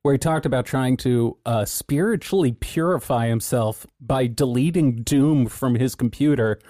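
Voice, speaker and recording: Laid-back, profane man with a mellow voice. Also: mid-range voice, moderate pace, no echo, clean studio sound. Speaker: podcast co-host presenting research notes. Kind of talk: casual podcast chat.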